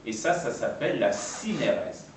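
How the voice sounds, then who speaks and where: A man lecturing on poetry translation to an audience, patient and repetitive, spelling out each term with frequent pauses. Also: on the low side, very animated, a little hiss or hum. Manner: patient, repeats and spells out terms, pausing often. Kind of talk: explanatory talk to an audience. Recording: echoey room from far off.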